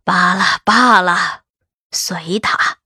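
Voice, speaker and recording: A woman voicing a weary old grandmother in an audiobook, speaking slowly and softly with sighs. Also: fairly low pitch, husky, no echo, studio quality, exaggerated voice. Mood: weary, resigned. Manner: slow, sighing, soft.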